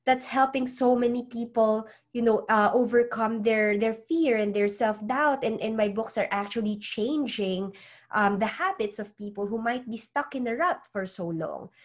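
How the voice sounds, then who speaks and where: Her voice runs on the high side at normal speed. She's a psychologist and author coach, a non-native English speaker, offering advice as an interview guest. She's earnest and frequently repeats words as she works out what to say.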